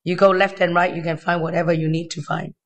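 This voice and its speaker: Male maths tutor, high-pitched thin voice, weak from being unwell, informal step-by-step delivery. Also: level tone, fast, a bit bright. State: unwell, weakened voice. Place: indoors at a desk.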